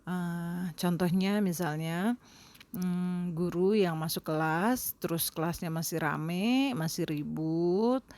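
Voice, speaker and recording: A woman English teacher, explaining in a casual classroom manner and pausing often on hesitation fillers. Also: on the low side, a little mellow. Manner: unhurried, with frequent hesitation fillers.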